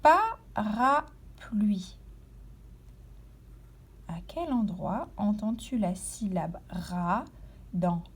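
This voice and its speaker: A woman teaching young children, speaking patiently and repeating each word slowly and distinctly. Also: fairly low pitch, expressive, warm tone, breathy edge. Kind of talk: slow, deliberate lesson for young children.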